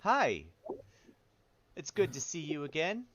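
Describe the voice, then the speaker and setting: A man's voice: fairly high pitch, big pitch swings, takes it slowly, a crowd in the background, voice pushed up. Man playing a shrewd shapeshifting boy, lighter voice. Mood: friendly. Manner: polite, wary, bargaining. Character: shapeshifter in ten-year-old boy form, shrewd informant dealer.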